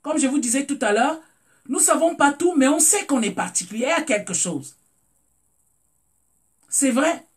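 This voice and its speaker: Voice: high-pitched, expressive, measured pace, long pauses. A speaker from Cameroon with a Cameroonian French accent, hosting a casual live talk, repeating words while searching for them and greeting viewers by name. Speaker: live stream host.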